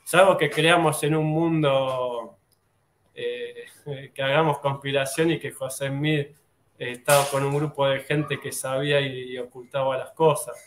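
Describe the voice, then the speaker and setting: A man's voice: mid-range voice, steady tone, a little slow, a bit bright, slight background noise. A man with a Rioplatense Spanish accent explaining things in casual talk, rambling with many fillers and restarts. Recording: echoey room.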